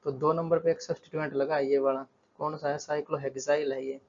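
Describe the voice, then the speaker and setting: A man's voice: fairly high pitch, a little fast. Man tutoring chemistry, lo-fi sound. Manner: steady, repeats terms, counts aloud. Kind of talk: whiteboard lesson explanation.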